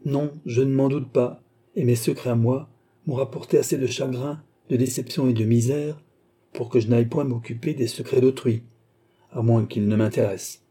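A man's voice: medium pitch, mellow, slightly rough. Cagliostro, as read by a man: icy count. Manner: cool, measured, polite but unyielding. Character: icy, composed male count and sorcerer-creditor.

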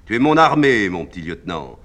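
A man voicing an imperious, mercurial emperor who gives sharp orders and breaks into loud outbursts, read from a stage play. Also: fairly low pitch, big pitch swings, fairly quick, pitched above the performer's own voice. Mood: grandiose. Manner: commanding, with sudden loud outbursts. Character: imperious, mercurial male emperor, middle-aged.

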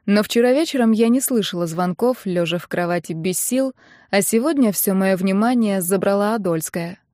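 A woman narrating a novel in the first person, with even, expressive storytelling. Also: medium pitch, normal speed, no room sound, studio quality. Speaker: audiobook narrator.

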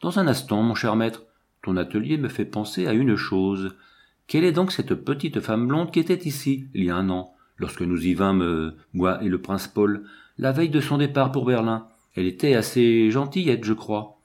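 A man's voice: on the low side, expressive, moderate pace, darkish tone. A man reading the part of a haughty, mocking Italian countess in an audiobook, with a theatrical, declaiming manner.

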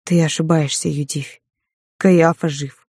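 A repentant robber who speaks low and quietly to console, as a woman narrator reads him. Her voice is dark and mellow, with a dry studio closeness. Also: steady tone, unhurried, husky, no room sound, heavily acted. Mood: consoling. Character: repentant male robber, tender toward his beloved.

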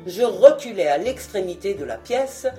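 A woman narrating a novel in an expressive, dramatic audiobook reading. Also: medium pitch, normal speed, faint music behind. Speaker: audiobook reader. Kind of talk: scripted narration.

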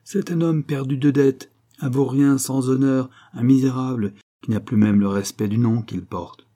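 A man's voice: medium pitch, steady tone, normal speed, warm tone, voice pushed up, close to an everyday voice. A man reading an earnest, indignant young nobleman in an audiobook, speaking emphatically.

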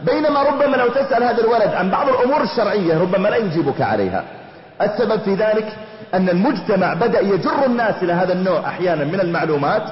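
A man delivers a storytelling sermon at a brisk clip, acting out the people in his stories. The sound is dull and lo-fi, and it rings with a long reverb like a large prayer hall. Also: high-pitched. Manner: lively storytelling, voicing the people in his anecdotes. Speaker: preacher. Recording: echoey hall, dull lo-fi recording.

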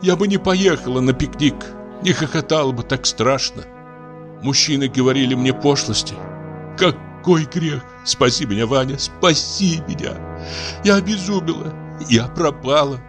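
A man's voice: mid-range voice, moderate pace, music in the background, voice pushed up, close to an everyday voice. A man reading an audiobook voices a distraught young woman who sobs and begs to be saved. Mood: sobbing, frantic. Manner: sobbing, frantic pleading.

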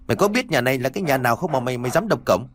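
A man voicing a bullying middle-aged male servant who yells insults. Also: medium pitch, expressive, lightly acted. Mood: furious. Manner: shouting, fast, abusive.

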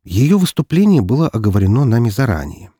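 Male audiobook narrator, first person, dryly ironic, warm mellow tone, lively intonation, dry close recording. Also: medium pitch, fast, breathy edge, no room sound.

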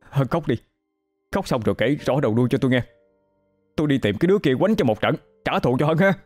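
A man voicing a gentle, flustered young male student, soothing and softly reassuring. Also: mid-range voice, expressive, quick pace, faint music behind, pitched above the performer's own voice, close to an everyday voice.

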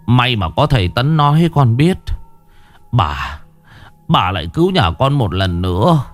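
A man's voice: medium pitch, big pitch swings, unhurried. A man voicing a humble middle-aged father who pleads deferentially. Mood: pleading.

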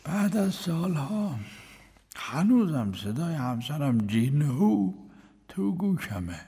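An actor playing a male court minister in a radio drama, confessing his past in a soft, halting voice. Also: on the high side, big pitch swings, vocal fry. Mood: anguished. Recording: long hall reverb.

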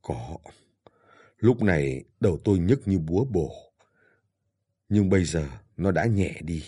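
For an audiobook, a man voices a frail old father on his deathbed, weak, in pain and pleading for the daughters he misses. His voice is deep, dark and husky, animated at a measured pace, and carries weariness and longing.

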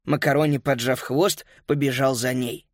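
A man narrating a children's audiobook in a lively, expressive storytelling manner. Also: medium pitch, normal speed, dry recording, studio quality.

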